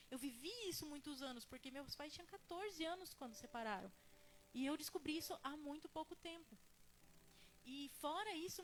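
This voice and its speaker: High-voiced Brazilian woman preaching casually. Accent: Brazilian Portuguese. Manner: informal, earnest, with frequent fillers and restarts. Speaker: preacher at a church ministry. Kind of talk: conversational sermon with personal testimony.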